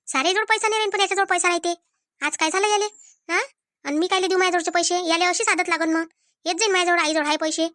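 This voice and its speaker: A woman's voice: very high voice, no echo, clean studio sound. A woman voicing a nagging middle-aged mother-in-law in a cartoon. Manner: nagging, sharp retorts.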